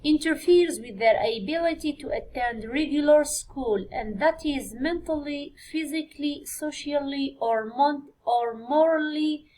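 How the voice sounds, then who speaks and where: An Algerian woman teaching an English exam review, speaking slowly and deliberately, repeating key words and switching into Arabic to explain. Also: high-pitched, mellow, poor audio. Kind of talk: classroom exam review lesson.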